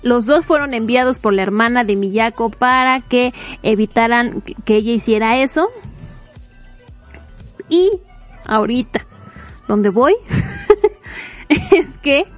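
High-pitched woman, a lively storyteller who acts out character voices. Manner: animated, chatty, laughs often, acts out characters' lines. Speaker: manga reviewer. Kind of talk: casual retelling of a manga plot.

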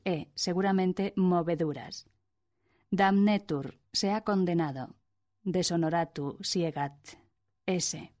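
A woman reads out a scholarly lesson, working through lists of old words with calm, methodical care. Her voice sits a little low and she takes her time, pausing between each term. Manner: measured, methodical, listing words one by one. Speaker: lecturer on medieval glosses. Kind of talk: read-aloud philology lesson.

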